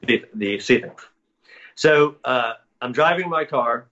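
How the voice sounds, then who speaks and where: A man talking as an interview guest, winding through his story with restarts and corrections. His tone is bright and forceful. The recording sounds muffled and lo-fi. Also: mid-range voice, lively intonation, slow. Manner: rambling, self-correcting narration. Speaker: guest recounting experiences. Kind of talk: casual storytelling. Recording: dull lo-fi audio.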